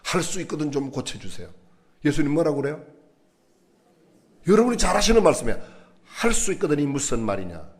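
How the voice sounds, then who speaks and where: A man preaching a sermon in a church, animated and asking the congregation questions. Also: on the high side, fairly quick, pauses often. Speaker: pastor.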